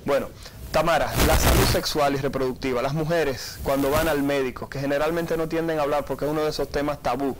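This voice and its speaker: A man's voice: fairly high pitch, steady tone, quick pace, a little hiss or hum. A man hosting a radio call-in health show, politely putting listener questions to a doctor. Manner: polite, apologetic about line problems. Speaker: radio talk show host.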